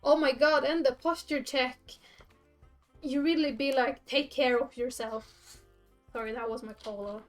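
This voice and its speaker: A woman's voice: high-pitched, moderate pace. A woman livestreaming a game, chatting with viewers in a playful, bubbly, giggly manner. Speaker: streamer. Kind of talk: livestream let's play, chatting with viewers and reading game dialogue. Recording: music behind the voice.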